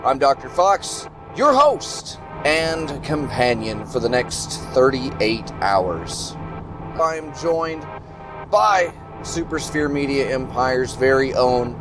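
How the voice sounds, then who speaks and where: A man playing an excitable doctor who hosts a goofy road-trip show, with a hammy showman's delivery. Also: mid-range voice, takes it slowly, over music. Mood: playful showman. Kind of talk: comedic show hosting and banter.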